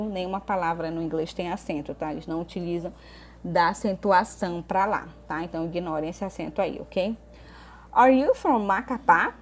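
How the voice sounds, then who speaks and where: Brazilian woman teaching English, patient. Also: on the low side. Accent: Brazilian Portuguese. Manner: explanatory, checks in with frequent "ok?" and "tá?"; slows down to read English examples aloud. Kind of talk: remote lesson explaining grammar.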